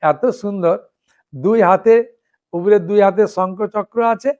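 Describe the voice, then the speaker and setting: A male monk delivers a devotional sermon in a rather high voice. He keeps checking that his listeners follow him and recites lists of names slowly, one at a time. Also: a little mellow. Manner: keeps asking listeners "understood?". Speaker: monk preacher.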